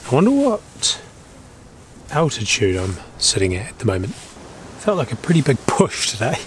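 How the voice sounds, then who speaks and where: Speaking at a normal speed but with wildly swooping pitch, a man with a mid-range voice and a broad New Zealand accent vlogs his hunt. He keeps it casual and relaxed for the camera out in the bush and on the hilltops, with the outdoor noise audible throughout.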